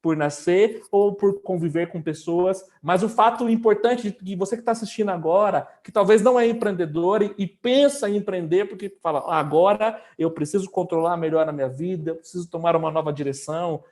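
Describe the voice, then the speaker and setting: A man's voice: sits high, a little fast, few pauses, a little mellow. A man talking about entrepreneurship in a casual interview, telling a travel story with many fillers. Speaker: guest entrepreneur.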